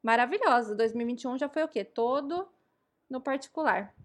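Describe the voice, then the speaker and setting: Brazilian woman cohost, really high voice, lively and teasing. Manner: lively, teasing, quick to cheer others on. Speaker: podcast co-host. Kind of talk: casual chat, reading listener comments.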